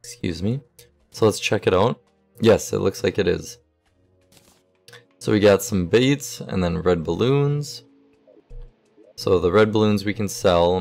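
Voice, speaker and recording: A young man giving relaxed, casual commentary over his game, thinking aloud as he sorts items, with the hiccups. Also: fairly low pitch, creaky. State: has the hiccups. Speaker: gaming YouTuber.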